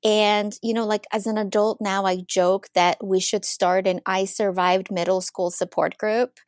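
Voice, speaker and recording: A woman's voice: medium pitch, flat delivery, measured pace, no room sound. Woman from Ukraine, eager storyteller, podcast guest, dry close sound. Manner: warm, eager storytelling with frequent laughs. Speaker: guest psychologist. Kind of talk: casual interview.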